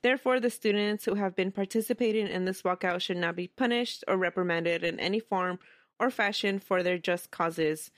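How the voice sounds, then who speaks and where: In a clean studio recording with no echo, a woman with a mid-range voice hosts a casual history podcast at a moderate pace. She tells the story conversationally, reads quoted documents aloud, and chuckles often.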